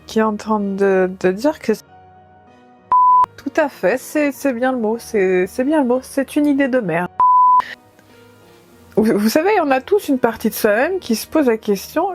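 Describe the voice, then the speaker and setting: A woman's voice: a little high, darkish tone. A woman talking casually to camera as a vlogger, with a wry, playfully dramatic way of speaking. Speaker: vlogger doing a food challenge.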